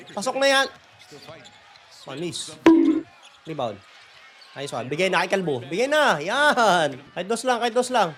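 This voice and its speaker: Hoarse man reacting to basketball. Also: sits high. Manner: excitable, swears often, shouts at players. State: hoarse from the flu. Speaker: fan watching and reacting to a basketball game. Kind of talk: live game reaction commentary.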